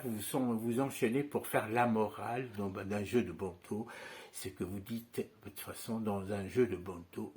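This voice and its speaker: A man teaching a card trick step by step, in a chatty manner and often checking in with his listeners. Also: lowish voice. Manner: conversational, frequent tag questions and fillers.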